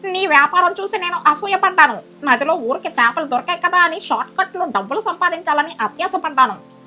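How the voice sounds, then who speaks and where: A woman voicing a greedy, boastful female duck in a cartoon, bright and excitable. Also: high-pitched, heavily acted.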